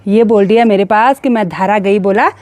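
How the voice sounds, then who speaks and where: A woman's voice: medium pitch, steady tone, fairly quick, darkish tone, no room sound. Young woman from the hills, chatty and teasing, phone vlog outside. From Uttarakhand, India. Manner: chatty and cheerful, teasing with neighbours. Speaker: vlogger. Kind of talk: casual vlog narration and chat. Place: outdoors in a hill village.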